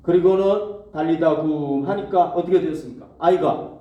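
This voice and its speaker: A man's voice: on the high side, moderate pace, highs cut off. A male pastor preaching a sermon to his congregation, asking questions and answering them himself. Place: church hall. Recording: echoey church hall, mic at a distance.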